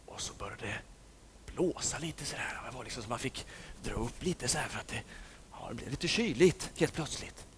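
A man's voice: mid-range voice, expressive, a bit bright, slight background noise. A man telling a story to children, often dropping into whispers for suspense and asking his listeners questions. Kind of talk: dramatic storytelling.

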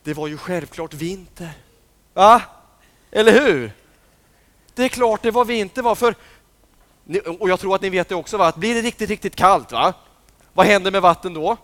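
Brief: male storyteller, light high voice, hushed whispers for suspense, questions to the kids. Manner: drops to whispers for suspense, asks listeners questions. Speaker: storyteller for children. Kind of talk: dramatic storytelling.

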